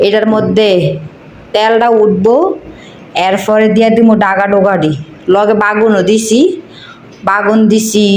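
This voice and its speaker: A cooking vlogger from Cumilla, Bangladesh, speaking Cumilla Bengali in a mid-range voice, narrates a recipe casually as she cooks and chats with viewers like friends. The sound is roomy, with a little hiss or hum.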